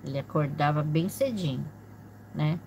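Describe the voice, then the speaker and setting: A middle-aged woman telling a personal story on her vlog in a soft, halting way, often repeating herself. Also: low-pitched, slight background noise. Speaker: channel host.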